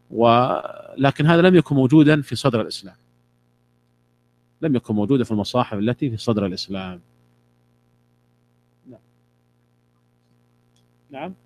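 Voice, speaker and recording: Man teaching with deliberate repetition. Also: mid-range voice. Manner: deliberate, repeats key words and pauses for student replies. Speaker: religious teacher. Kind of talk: classroom lesson explaining a text.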